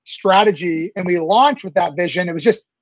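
A man in his late thirties talks up his startup with a rather high voice. He runs on quickly and enthusiastically, padding with ums and restarting phrases. The sound is dry and close. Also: no echo, muffled recording. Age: 30s. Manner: fast, enthusiastic, many fillers and restarts. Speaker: startup founder guest. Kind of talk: business interview answers.

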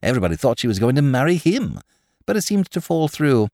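A man's voice: very animated, quick pace, a little mellow, dry recording, studio quality. A man putting on a gushing young woman activist. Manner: breathless, gushing, high-pitched.

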